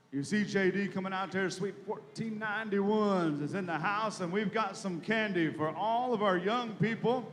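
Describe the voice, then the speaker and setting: A man's voice: high voice, a bit bright. A man working as a powwow emcee, making live announcements over an arena PA in a folksy, ceremonious way. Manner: folksy, ceremonious, addressing families and crowd directly. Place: large reverberant arena, over a PA. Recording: reverberant hall public address sound.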